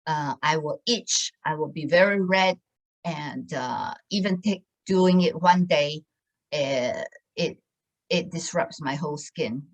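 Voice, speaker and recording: Slowly and in a low voice, a wellness product presenter in her sixties makes a casual sales pitch for a program. She keeps hesitating, restarting and using filler words, all on poor-quality audio.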